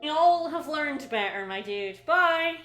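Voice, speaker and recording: A woman's voice: high voice, expressive, measured pace, fairly bright tone, reverberant, faint music behind. A woman doing casual, joking commentary on a video game in a giggly, exclamatory way.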